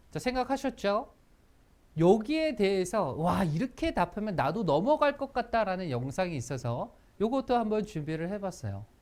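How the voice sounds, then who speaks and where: Animated workplace-etiquette instructor. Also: mid-range voice. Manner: lively, acts out example lines in quotes. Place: school training session.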